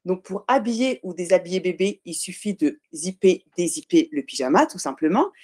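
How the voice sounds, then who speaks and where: A fairly low, expressive, slightly mellow female voice belongs to a podcast guest of Portuguese family background who founded a baby clothing brand. Earnest and explanatory, she describes her product in steps, with many pauses and self-corrections.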